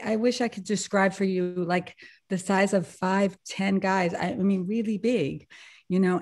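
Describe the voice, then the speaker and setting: A woman on a video call sharing a personal story with a group, laughing often as she talks. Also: mid-range voice. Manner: animated, laughing often, many restarts. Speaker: satsang participant sharing a story.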